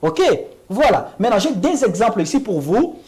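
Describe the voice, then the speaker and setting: A woman with a lively pitch teaches English on television, explaining in French. She repeats English examples slowly and asks "Ok?" during this televised language lesson.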